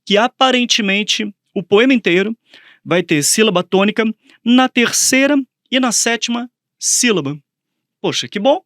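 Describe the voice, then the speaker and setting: With a bright, high-pitched voice, this man, a Portuguese teacher co-hosting a podcast, chats casually about literature with his co-host. He animatedly recounts classroom moments, slipping into acted-out voices for students and characters. The audio is close and dry, without echo.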